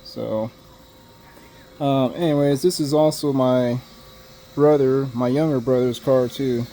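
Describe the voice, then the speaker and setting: Slow, rambling young man working on a car. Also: mid-range voice, fairly even intonation, warm tone. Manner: rambling, full of fillers and restarts. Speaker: hobby mechanic vlogger. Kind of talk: casual work-along commentary. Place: outdoors in a driveway beside a truck. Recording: noisy outdoor camera audio.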